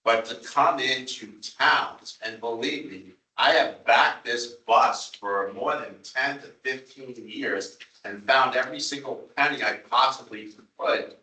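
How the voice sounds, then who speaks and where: A man's voice: medium pitch, unhurried, sharp tone. A man with a Long Island accent arguing budget figures at a public board meeting, insistent and repetitive. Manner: insistent, repeats himself, apologetic but pressing. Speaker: town representative on a transit board. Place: meeting room. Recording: echoey meeting room from far off.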